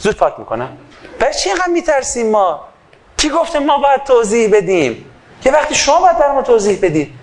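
A man giving an impassioned sermon into a microphone. He swings between loud fervor and quiet asides and acts out little dialogues. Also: very high voice, big pitch swings. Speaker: preacher.

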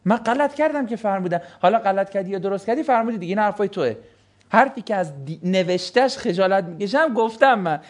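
A man's voice: high-pitched, expressive. A man giving a religious lecture in a sarcastic, teasing manner, mimicking the excuses of others in mocking voices. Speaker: preacher.

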